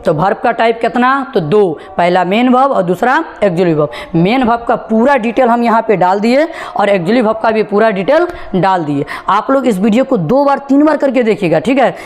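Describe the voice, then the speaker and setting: Lady teaching english, fairly high voice, makes you repeat after her, says okay a lot. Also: a little mellow. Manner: repetitive drilling, asks the class to repeat after her; reassuring, keeps saying "okay". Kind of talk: classroom lesson.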